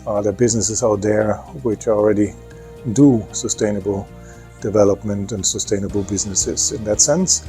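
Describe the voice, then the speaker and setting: Brief: deep, dark-toned male expert, halting delivery, faint music bed. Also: steady tone. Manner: hesitant, many ums, restarts. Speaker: expert for a project. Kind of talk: talking to camera in a promo clip.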